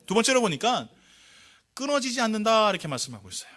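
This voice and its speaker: A man with a high, bright voice preaches to his congregation from the pulpit. His delivery is animated, pushing up into loud, ringing calls before easing into slow, quiet lines. He coaxes the room along, inviting them to speak and respond. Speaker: pastor. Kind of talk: sermon. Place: church sanctuary.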